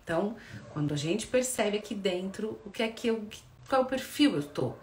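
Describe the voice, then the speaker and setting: A Brazilian-accented woman psychologist teaches in a lively, direct way and keeps checking in with her listeners. Her voice sits at an ordinary pitch. The room is echoey, with a faint hum of background noise. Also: moderate pace. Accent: Brazilian Portuguese. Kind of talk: explanatory talk to viewers.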